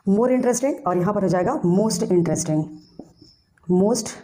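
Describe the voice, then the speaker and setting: A woman's voice: medium pitch, slow pace, warm tone. A woman teaching English grammar, asking herself questions and answering them, and spelling words out letter by letter. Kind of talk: classroom grammar lesson.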